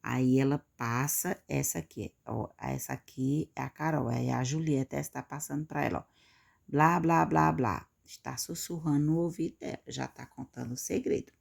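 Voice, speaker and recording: A woman with a Brazilian Portuguese accent, teaching a remote class to young pupils, explaining slowly and patiently. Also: extremely low pitch, fairly even intonation, gravelly, dark tone. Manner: slow, patient explaining, pointing at the book with "ó". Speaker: schoolteacher.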